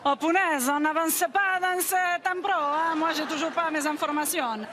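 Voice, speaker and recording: A woman's voice: sits high, normal speed, a crowd in the background, close to an everyday voice. A woman improvising an impatient guest who claims to have a cold, on a noisy studio stage. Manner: impatient, switches between accents. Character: woman with a cold meeting a swinger couple. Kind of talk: improv comedy game. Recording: studio audience and noise.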